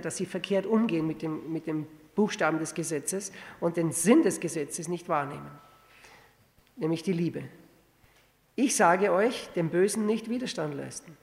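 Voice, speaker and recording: A man preaching a sermon, teaching with rhetorical questions and reading scripture slowly and deliberately. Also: fairly high pitch, vocal fry. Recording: long reverb of a hall.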